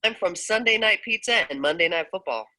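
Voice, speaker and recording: Bright-voiced playful woman radio host. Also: medium pitch, fairly quick, rough recording. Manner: playful, animated. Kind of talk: radio co-hosting chat and poem reading.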